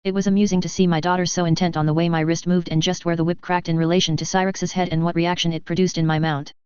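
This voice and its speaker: A woman narrating a fan-fiction story in first person, with a steady, smooth reading. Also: fairly low pitch, fast talker, dry recording. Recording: dull lo-fi recording.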